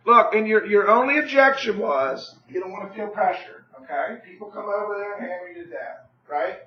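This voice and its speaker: Hoarse man, high voice, pushy real estate pitch on a phone call, echoey dull room. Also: lively intonation, fairly quick, a little hiss or hum. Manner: persuasive, pushy, repeats "okay?" and "right?"; clears throat often. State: hoarse, losing his voice.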